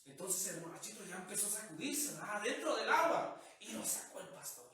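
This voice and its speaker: A man preaching to his congregation, with a high voice that keeps tossing out rhetorical questions. He stands in a church sanctuary with very heavy echo. He is picked up from a distance. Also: very animated, fairly quick, sharp tone. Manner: peppers talk with rhetorical questions. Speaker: pastor. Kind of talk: sermon. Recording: echoey hall, mic far off.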